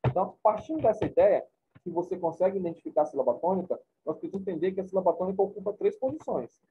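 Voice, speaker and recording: A man's voice: high voice, animated, very fast, slightly rough. A man teaching a class, explaining points informally and often checking in with his students. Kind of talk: classroom lecture. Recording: tinny phone-like recording.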